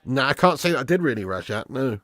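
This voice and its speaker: A British man doing live football watch-along commentary and chatting casually with viewers in an animated, blokey, sweary, matey way. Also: medium pitch, quick pace, dry recording. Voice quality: raspy, smoker's laugh.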